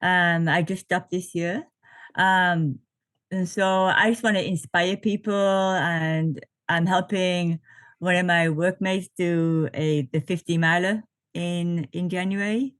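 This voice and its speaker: A woman's voice: on the low side, steady tone, takes it slowly, a bit bright, dry recording. A woman in her late fifties, a podcast guest, chatting casually and laughing often, with lots of fillers, over a video call. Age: 50s. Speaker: podcast guest, ultra triathlete. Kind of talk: casual interview chat.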